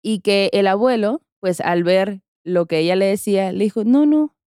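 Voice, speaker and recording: A woman's voice: medium pitch, steady tone, normal speed, darkish tone, clear, resonant tone, no echo, studio quality. Chatty Mexican woman retelling a story. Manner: chatty, with many fillers and slangy asides. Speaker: podcast host. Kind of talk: casual storytelling.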